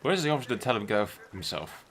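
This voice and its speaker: A man's voice: on the low side, sing-song, fast, a bit bright, slight background noise. A man giving casual, sarcastic gameplay commentary and swearing freely as he goes. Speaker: let's play host.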